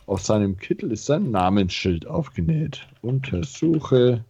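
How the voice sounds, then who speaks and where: A man's voice: mid-range voice, lively intonation, measured pace, dark tone, breathy edge, lo-fi sound. A man reading the text of a game aloud to a fellow player, stumbling and commenting as he goes. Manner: reads long passages aloud, stumbles and comments. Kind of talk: let's-play reading and chat.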